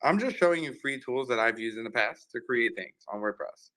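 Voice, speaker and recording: A man's voice: mid-range voice, expressive, a little fast, bright, forceful tone, low-quality recording. A man teaching a casual screen-share tutorial in a loose, filler-heavy way, his audio cutting in and out over a bad connection. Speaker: workshop instructor. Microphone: open computer mic on a video call.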